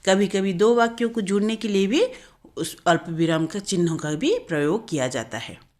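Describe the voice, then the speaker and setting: A woman's voice: mid-range voice, moderate pace, darkish tone. A woman teaching a Hindi grammar lesson, explaining step by step and often correcting herself.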